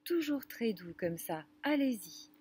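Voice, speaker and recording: A woman leading a children's music lesson, speaking gently and didactically straight to the kids. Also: fairly high pitch, lively intonation. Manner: gentle, slow and didactic, addressing children directly. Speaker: music teacher for young children.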